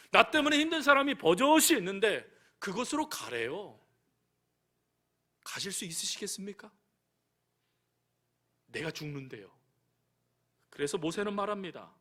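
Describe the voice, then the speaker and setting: A man's voice: high voice, bright, forceful tone. A male pastor preaching a sermon, often asking questions of the congregation and acting out the voices of people in the story.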